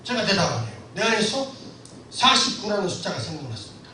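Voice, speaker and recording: Male pastor, middle-aged, fervent storytelling sermon with frequent shouts; high, bright voice; very reverberant church hall, distant mic, faint hiss. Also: sing-song, quick pace. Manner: impassioned, storytelling, often shouting. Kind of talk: sermon lecture to a congregation.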